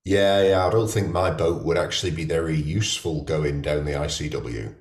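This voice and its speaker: A man's voice: a bass voice, fairly even intonation, normal speed. A man hosting a casual conversation, chatting and responding informally. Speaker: podcast host. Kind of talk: casual chat, interviewing. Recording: echoey, roomy sound.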